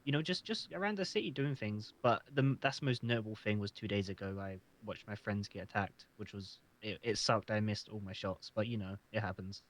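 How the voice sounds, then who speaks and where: A man's voice: fairly low pitch, brisk, few pauses. A man answering interview questions in an earnest, hesitant way, often stammering and restarting. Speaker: job applicant. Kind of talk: casual roleplay interview.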